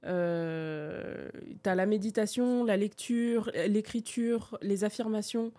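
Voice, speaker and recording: A woman in casual conversation, explaining in a measured way with hesitant fillers. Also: medium pitch, steady tone, dark tone. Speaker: podcast co-host.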